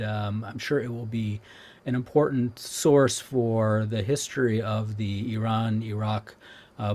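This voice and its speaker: An older man from Southern California interviewing a guest, talking in a relaxed, rambling way with many fillers. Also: mid-range voice. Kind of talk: academic interview.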